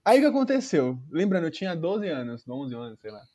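A man's voice: a little high, sing-song, fairly quick, mellow. A man telling a funny personal story in casual, slangy chat, swearing freely and acting out the people in it. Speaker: podcast storyteller.

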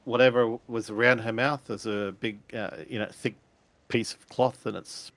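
A man's voice: mid-range voice, fairly even intonation, normal speed, fairly bright tone. A man narrating a tabletop game as game master, describing scenes hesitantly with many fillers.

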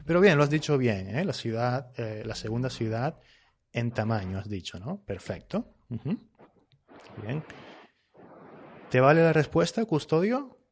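A man teaching an online group language lesson, with a voice that sits at an ordinary middle pitch. He talks slowly and patiently, repeating and correcting his students' answers. The sound is plain video-call audio. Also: very animated, darkish tone, husky. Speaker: Spanish teacher.

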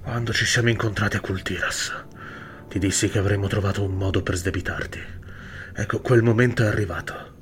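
A man voicing a mysterious blindfolded male elf in an audiobook, speaking calmly and insistently. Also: fairly low pitch, a little hiss or hum, lightly acted. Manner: calm, measured, quietly insistent. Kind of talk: audiobook character reading.

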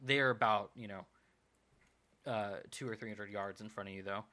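A man's voice: lowish voice, fairly even intonation, moderate pace, bright, forceful tone. A man narrating a tabletop game as game master, rambling with lots of ums and uhs.

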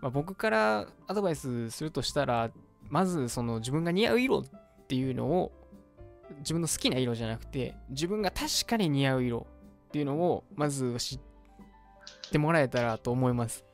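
A man's voice: mid-range voice, expressive, moderate pace, creaky, soft background music. A man with a Kansai Japanese accent hosting a livestreamed radio show, chatting casually and explaining advice to listeners in a colloquial way.

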